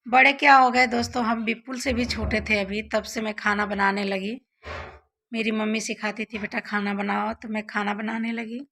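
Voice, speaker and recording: A woman's voice: mid-range voice, little pitch movement, moderate pace, sharp tone, slight background noise. A young woman vlogger casually telling childhood stories to her viewers, often calling them friends.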